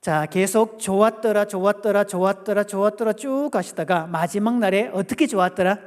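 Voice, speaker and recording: A man giving a lively church family seminar, playfully asking the audience questions and acting out quotes. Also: sits high, fairly quick. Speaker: guest seminar lecturer. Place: church sanctuary. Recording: long church hall reverb.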